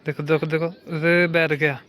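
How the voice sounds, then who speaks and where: A man's voice: on the high side, moderate pace, slight background noise. Joking young man vlogging at home. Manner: deadpan joking, addresses viewers as friends. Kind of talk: comic village vlog monologue. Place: village home, outdoors while washing clothes.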